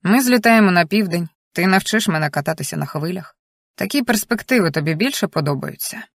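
A reader voicing a calm, firm husband. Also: medium pitch, fairly quick, gravelly, no echo, clean studio sound. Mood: earnest. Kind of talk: audiobook dialogue reading.

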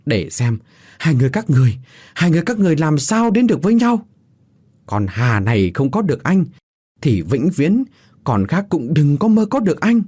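A man voicing a jealous, cruel young woman who taunts her captives with snarling, shrill outbursts. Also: big pitch swings, normal speed, darkish tone, no room sound, clean studio sound. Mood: furious.

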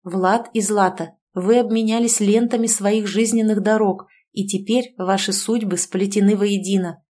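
Solemn male councilor for a storybook rite, done by a woman narrator; formal, loud and ceremonial. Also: mid-range voice, fairly even intonation, normal speed, lightly acted.

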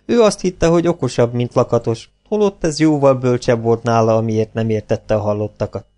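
A man reading a novel aloud, narrating in a lively, expressive way. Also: medium pitch. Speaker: audiobook narrator.

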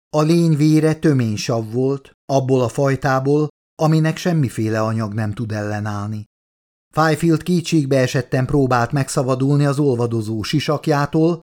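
A man reading his own novel aloud as audiobook narration, steady and measured. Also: mid-range voice.

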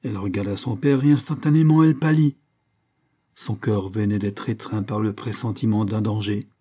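A man narrating a nineteenth-century novel as an audiobook, reading in a steady, expressive way. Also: fairly low pitch, moderate pace, husky.

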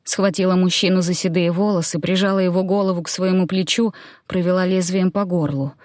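A woman with a low voice narrates an audiobook in the first person, telling the story with tense drama. The recording is dry and close, with no room sound. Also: steady tone, brisk, darkish tone, no echo.

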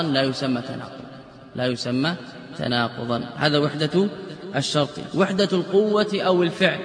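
A man teaching a classroom lecture on logic, explaining step by step with example sentences and rhetorical questions. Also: a little high. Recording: echoey hall with long reverb.

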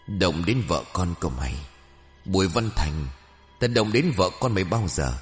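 A man's voice: sits low, lively intonation, moderate pace, in a large hall, faint music behind. A man voicing the vengeful ghost of an old man, speaking from a coffin in a menacing, threatening way.

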